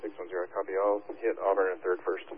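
Male patrol officer on police radio, rapid terse replies, tinny channel with faint hiss. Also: deep voice, flat delivery. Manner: brisk, terse acknowledgements. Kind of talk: radio dispatch traffic.

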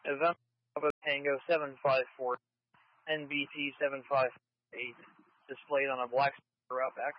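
A man's voice: mid-range voice, little pitch movement, a little slow, long pauses. A man who is a police officer, calling dispatch over police radio in brief procedural code. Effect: police radio transmission. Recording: dull lo-fi radio.

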